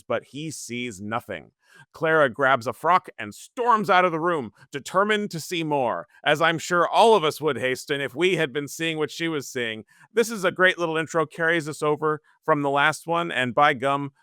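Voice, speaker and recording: A male podcast co-host lays out his points in a measured, explanatory way. His voice sits in the middle of the usual male range. The sound is dry and close. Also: mid-range voice, sharp tone, no room sound. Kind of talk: podcast book-club discussion.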